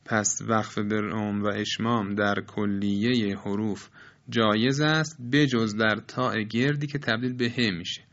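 A man teaching Quran recitation rules in a recorded lesson, explaining in a measured, patient way with polite formal phrasing. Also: fairly low pitch, fairly even intonation, a bit bright, lo-fi sound.

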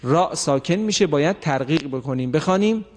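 A man's voice: fairly high pitch, expressive, darkish tone. Man teaching Quran recitation, echoing. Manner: slow, drawn-out recitation of example words; asks the class questions and answers them himself. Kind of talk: tajweed lesson.

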